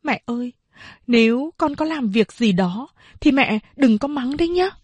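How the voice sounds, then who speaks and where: A worn-out eldest daughter speaks to her mother in a tired, pleading way, as a woman reading the story acts her out. The voice sits a little above the reader's own and is husky. It is close and dry, as in a storybook reading. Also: high-pitched, expressive, unhurried, dry recording, pitched above the performer's own voice, full character voice. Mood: weary.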